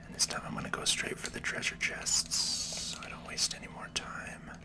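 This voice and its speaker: A video game player and channel host whispers relaxed, unhurried ASMR commentary while playing a game.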